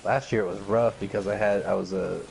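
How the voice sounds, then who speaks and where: A man with a fairly low voice chats casually over a video game. He rambles from thought to thought and leans heavily on "like" as he talks. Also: fairly even intonation, brisk, gravelly, a little mellow, faint music behind. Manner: rambling, heavy use of "like" fillers. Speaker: gaming video co-host. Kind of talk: casual chat while playing.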